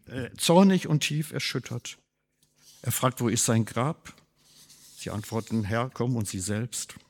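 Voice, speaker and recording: Husky preaching man in a reverberant hall. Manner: animated preaching, swinging from loud emphasis to quiet low asides. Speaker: pastor. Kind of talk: sermon.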